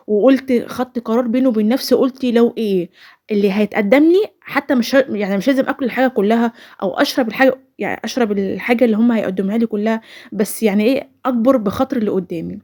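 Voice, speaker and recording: Here a twenties-aged woman vlogger recounts something personal in a chatty voice-over, wandering and restarting as she goes. She speaks with an Egyptian Arabic accent in a fairly high, warm voice.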